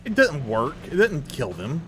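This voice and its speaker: A man's voice: a little high, wildly swooping pitch, normal speed. A man in casual, teasing chat while streaming a co-op game, with game music behind. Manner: teasing, laughing, upbeat. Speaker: streamer playing co-op.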